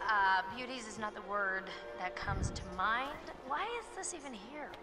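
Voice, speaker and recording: A woman's voice: medium pitch, lively intonation, moderate pace, over music, natural voice. An actress voicing a wry, skeptical young female college student in a video game. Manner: sarcastic, skeptical. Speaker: game character.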